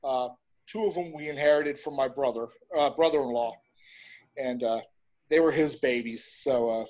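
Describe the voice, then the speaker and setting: A middle-aged man chatting casually as an interview guest, rambling a little and pausing as he goes. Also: mid-range voice, darkish tone, low-quality recording. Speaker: interview guest, horror host and film reviewer.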